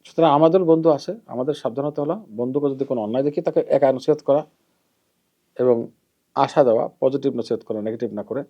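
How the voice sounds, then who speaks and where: A man giving a measured hadith lesson as an Islamic preacher, repeating key terms and letting his phrases trail off softly. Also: medium pitch. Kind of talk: hadith lesson, explaining and admonishing. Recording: dull lo-fi recording.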